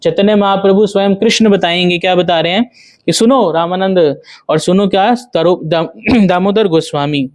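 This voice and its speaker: A man giving a devotional lecture, asking rhetorical questions and chanting verses slowly. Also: high voice. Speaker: spiritual teacher.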